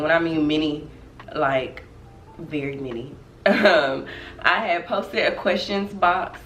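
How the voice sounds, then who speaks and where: A woman's voice: fairly low pitch, recorded from a distance. A young woman from Dallas, chatting casually to camera as a vlogger, her voice slightly nasal from a cold. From Dallas, Texas. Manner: chatty and relaxed, laughs often. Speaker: vlogger host. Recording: echoey room, voice off-mic, faint music.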